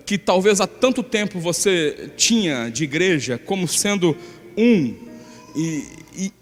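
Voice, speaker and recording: A man from Brazil, a pastor, preaching a sermon, coaxing the congregation to repeat phrases and reading scripture aloud with emphatic stress. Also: high voice. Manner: coaxes the congregation to repeat phrases after him. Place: church hall. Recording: long hall reverb with faint music.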